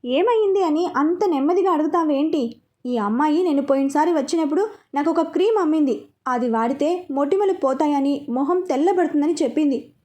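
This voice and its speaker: A woman's voice: sits high, a little mellow, close to an everyday voice. A woman voicing a fussy, demanding customer of about forty who complains readily. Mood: indignant. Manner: complaining, quick to take offense.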